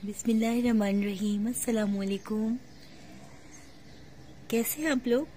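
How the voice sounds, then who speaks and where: Hoarse woman vlogging at home. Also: fairly high pitch, steady tone, moderate pace, a little hiss or hum. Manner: talks softly, near a whisper, while the baby sleeps; calls out to her children at home. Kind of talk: casual home vlog.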